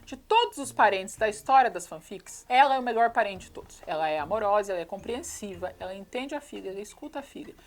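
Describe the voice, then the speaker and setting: A woman's voice: medium pitch, animated, quick pace, hardly any pauses. A woman with a Brazilian Portuguese accent giving a sarcastic, mocking comedic recap of a movie as a YouTube reviewer.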